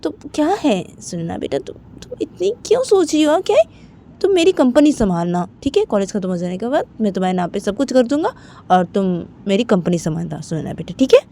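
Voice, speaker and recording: A woman's voice: mid-range voice, sing-song, brisk, mellow, a little hiss or hum, pitched above the performer's own voice. A woman voicing a wealthy, doting middle-aged father who keeps asking "what is it?" in an amateur spoken story. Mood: coaxing. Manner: repeats "kya hai" and "haan" after every phrase.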